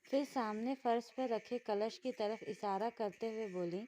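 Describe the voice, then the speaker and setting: Storyteller, woman, steady scripted narration, slightly high pitch. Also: measured pace, slight background noise.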